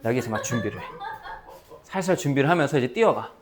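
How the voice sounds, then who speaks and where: Lively, animated male math teacher. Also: medium pitch, fast talker, noisy background. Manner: lively, playful storytelling with acted-out student voices. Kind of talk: classroom lecture. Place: classroom.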